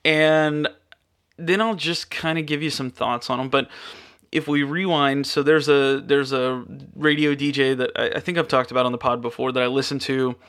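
A man's voice: medium pitch, normal speed. A young man hosting his own podcast from a spare-bedroom studio, chatting casually with lots of fillers and restarts. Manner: relaxed, many fillers and restarts. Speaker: podcast host. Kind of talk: casual rambling monologue. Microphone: studio microphone.

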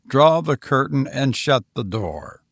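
A man's voice: mid-range voice, big pitch swings, takes it slowly, slightly rough, no room sound, clean studio sound, heavily acted. A man doing a young, kindly surgeon. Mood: gentle. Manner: compassionate, slightly hesitant. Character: young male surgeon, kind but hesitant. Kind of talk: audiobook character voice.

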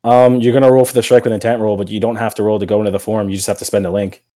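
A man's voice: on the low side, flat delivery, racing, mellow. Casual male game master, loose filler-heavy narration.

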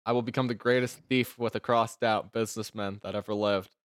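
A man's voice: lowish voice, fairly even intonation, dry recording, studio quality. A man hosting a casual podcast, joking and bantering with friends, reading game rules aloud now and then. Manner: joking, quick banter with laughs. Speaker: podcast host.

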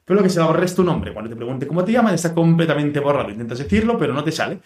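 Guy doing hypnosis patter, rapid and soothing, roomy room sound. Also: on the high side, very animated, darkish tone, distant mic. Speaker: hypnotist host. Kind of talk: guided hypnosis induction. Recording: roomy, off-mic.

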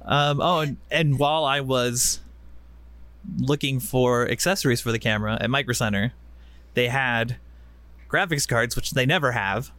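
A relaxed man co-hosting a podcast, trading jokes and laughing often. His voice sits in an ordinary middle pitch, recorded dry and close without any room echo. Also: moderate pace. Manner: laid-back, joking, laughs often. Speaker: podcast co-host. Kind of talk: casual chat.

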